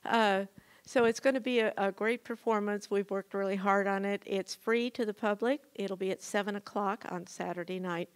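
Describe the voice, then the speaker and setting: A woman's voice: medium pitch, fairly even intonation, moderate pace. A woman earnestly announcing a concert and leading a call to worship in a church, with a little hesitation. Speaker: church member and orchestra musician. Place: church sanctuary, indoors.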